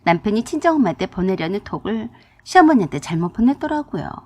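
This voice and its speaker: A woman's voice: mid-range voice, very animated, fast talker. A woman narrating her own story in the first person, confiding and dramatic.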